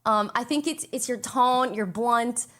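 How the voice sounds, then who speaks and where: A woman's voice: on the high side, unhurried, a bit bright. A woman streamer talking in a hesitant, defensive way, with many fillers. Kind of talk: streamed chat.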